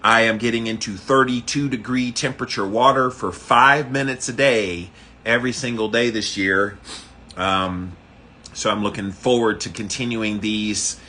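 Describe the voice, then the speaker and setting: A man hosts an informal livestream in a fairly low but bright, forceful voice. He talks casually and directly to viewers, explaining as he goes. There is faint noise behind him. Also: fairly even intonation, moderate pace. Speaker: livestream host doing a daily ice bath challenge.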